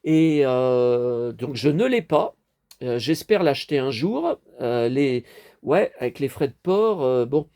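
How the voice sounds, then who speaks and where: Chatty and rambling, a man walks his audience through his toy collection, addressing them directly. He speaks slowly with a medium pitch, lively intonation and a dark tone.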